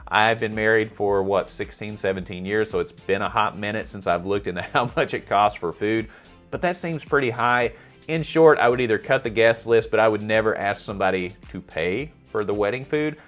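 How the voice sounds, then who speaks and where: A middle-aged man with a lowish voice hosts a casual vlog. He chats easily and pokes fun at himself. He keeps asking viewers what they think, while faint music plays in the background. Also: moderate pace, fairly bright tone. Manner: chatty, self-deprecating, asks viewers for opinions. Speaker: host.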